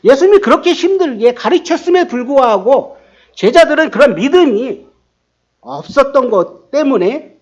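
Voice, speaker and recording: A man's voice: normal speed, muffled recording. A man pastor preaching a sermon, acting out quoted lines with sudden bursts of volume. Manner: animated, acts out quotes with rising pitch and volume.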